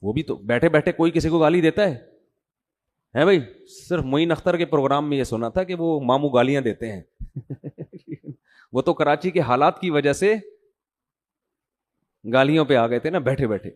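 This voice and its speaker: Middle-aged preacher guy, chatty sermon, acts out quotes, voice sits a little high. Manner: conversational storytelling, mimics quoted people. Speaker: religious preacher.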